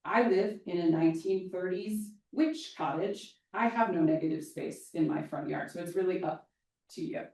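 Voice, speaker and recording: A woman landscape designer giving an energetic, joking talk at a neighborhood meeting, then answering audience questions. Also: lowish voice, moderate pace. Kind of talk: public presentation with audience Q&A. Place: meeting hall. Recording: echoey hall.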